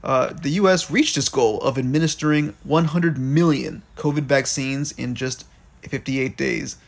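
Husky-voiced man in casual chat. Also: medium pitch, unhurried. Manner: informal, slangy, swearing. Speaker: podcast co-host. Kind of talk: casual chat, reading and commenting on news items.

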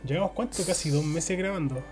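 A man's voice: fairly high pitch, a little fast, a little mellow, faint music behind. A young man with a Chilean accent co-hosting a podcast in loose, slangy, joking chat. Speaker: podcast co-host.

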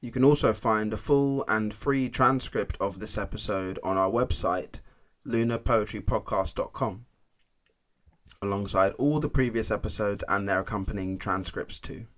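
A man's voice: fairly low pitch, normal speed. A man who drops his T's, presenting a scripted podcast introduction as its playful host.

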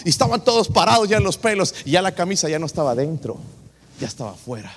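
A man preaching a sermon as pastor, telling a story with lively energy and repeatedly calling his listeners brothers. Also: high voice, fast, breathy edge, long reverb tail. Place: church sanctuary.

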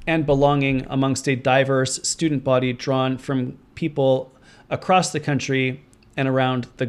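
A man hosting a podcast, reading a guest introduction and then talking in an earnest, reflective way with plenty of fillers. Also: medium pitch. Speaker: podcast host. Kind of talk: podcast intro and interview chat.

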